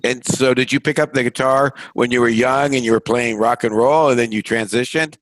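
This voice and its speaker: A man co-hosting a radio show, quick to agree and chime in with follow-up questions. His voice sounds dry and close, with no room around it. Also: mid-range voice, steady tone, a bit bright, no echo, rough recording. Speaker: co-host interviewer. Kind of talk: casual interview chat.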